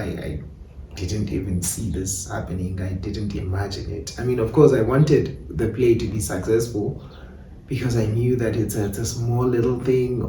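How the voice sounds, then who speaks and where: Mellow and fairly low-pitched, a South African man being interviewed about his work as a playwright and director reflects aloud in both English and Xhosa. The sound is roomy, from a distant mic, with faint background noise.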